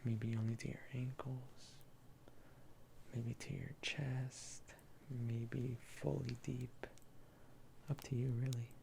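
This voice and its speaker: A soft, mellow ASMR role-play in the manner of a gentle therapist, from a speaker of unclear sex. The delivery is slow and halting, with a gravelly fry at the edges and some background noise. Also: mid-range voice, level tone.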